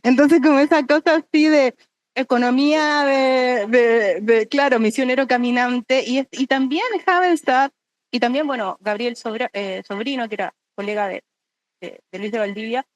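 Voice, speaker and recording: A woman's voice: a little high, moderate pace. A woman giving a casual academic comment at a symposium, stumbling and repeating words. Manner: stumbling, repeats words, laughs while talking.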